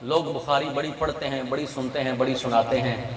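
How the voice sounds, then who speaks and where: A man preaching a sermon in Urdu with a Punjabi accent, emphatic, swinging from soft asides to shouted points. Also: mid-range voice, steady tone. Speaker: Islamic preacher. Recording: echoey hall, voice from far off.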